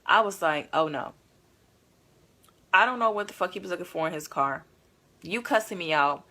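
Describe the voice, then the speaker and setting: A woman vlogger casually telling a dating story to her viewers, candid, animated and full of profanity. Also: on the low side, brisk.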